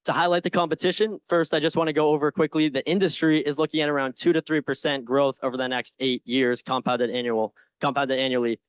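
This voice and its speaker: A young man confidently and earnestly giving a prepared investment pitch with slides, with some informal asides. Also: flat delivery, fast, hardly any pauses, clear, resonant tone, no echo, low-quality recording. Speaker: presenter in a stock pitch competition.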